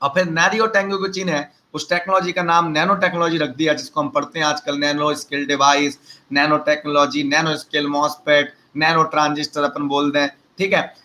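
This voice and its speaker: Man, teacher, high voice, chatty and teasing, online lecture. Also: flat delivery, a little fast, sharp tone, low-quality recording. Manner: chatty, teasing asides to students.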